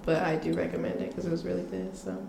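A woman's voice: fairly low pitch, flat delivery, quick pace, dark tone. A young woman with a Charleston, South Carolina accent, chatting casually in a playful, colloquial way. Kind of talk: casual group chat. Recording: echoey room with clear background noise.

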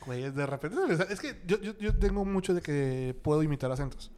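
A man's voice: on the high side, lively intonation, a little fast, darkish tone, a little hiss or hum. A young Mexican man with a Mexican Spanish accent, telling slangy anecdotes with laughs in a casual chat.

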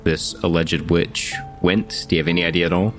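A man voicing a blunt, impatient non-human adventurer who presses with flat questions. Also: sits low, brisk, faint music behind.

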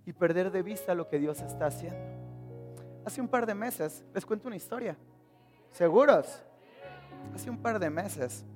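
A man's voice: high voice, a little mellow. A man preaching a sermon at a church service, energetically questioning the congregation and joking with them. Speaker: pastor.

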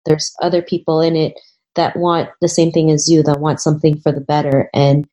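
A woman's voice: low-pitched, completely flat delivery, brisk, warm tone. A woman hosting an interview podcast, who keeps thanking and affirming her guest. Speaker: podcast host.

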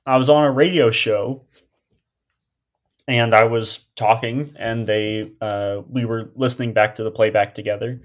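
A man's voice: on the low side, steady tone, a little slow. A man in his twenties with a slight lisp, chatting casually and ramblingly as a podcast co-host. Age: 20s. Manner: rambling, full of restarts and fillers. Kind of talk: casual chat.

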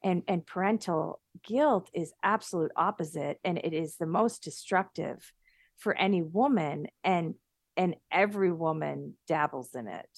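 A woman's voice: fairly low pitch, unhurried, no room sound. Earnest woman on a dry call. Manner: earnest, animated, many restarts. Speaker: guest. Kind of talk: conversational interview. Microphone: remote call.

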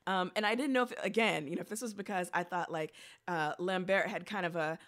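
A woman's voice: lowish voice, fairly even intonation, brisk, fairly bright tone. Chatty woman co-hosting a film podcast. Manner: chatty, amused, fond of hedging fillers. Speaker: podcast co-host. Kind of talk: casual film discussion.

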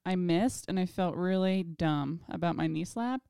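Clear-voiced woman bantering bluntly. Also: fairly low pitch, normal speed, warm tone, no echo, studio quality. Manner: laughing, bantering, blunt and profane. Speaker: podcast co-host. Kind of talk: casual chat.

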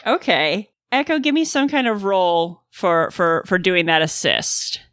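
Female game master, informal tabletop narration. Bright voice, close dry sound. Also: fairly low pitch, a little slow, dry recording.

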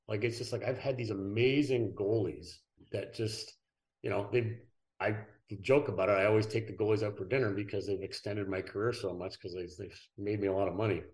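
Low-voiced man telling relaxed stories. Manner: relaxed, rambling anecdotes with restarts. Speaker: podcast guest, former hockey player. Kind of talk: casual interview storytelling.

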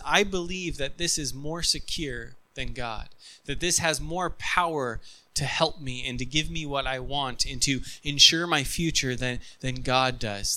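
A man preaching a sermon as pastor, earnest and emphatic, leaning on repetition, and closing in soft, quiet prayer. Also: mid-range voice, rough recording.

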